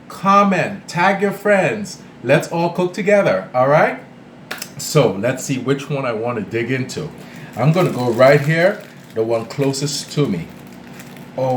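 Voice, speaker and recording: A man runs a casual cooking vlog from his home kitchen, speaking to his viewers at an unhurried, drawn-out pace. He talks to them directly and keeps checking in with them. The room rings with echo, and a faint hum of background noise sits underneath. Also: mid-range voice. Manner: chatty, addresses viewers directly, often tags "all right?". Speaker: cooking channel host. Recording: echoey room.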